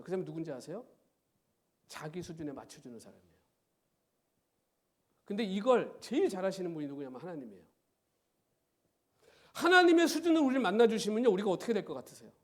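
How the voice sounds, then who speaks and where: A middle-aged male pastor preaching a sermon, firing rhetorical questions at the congregation in an animated way. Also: high-pitched, a little fast, long pauses. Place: church sanctuary.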